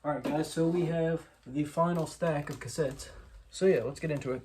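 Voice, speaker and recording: Here a collector with a fairly high pitch and a darkish tone speaks at a normal speed as he hosts an informal look at his collection. He hedges and corrects himself repeatedly, against clear background noise punctuated by clicks and clatter.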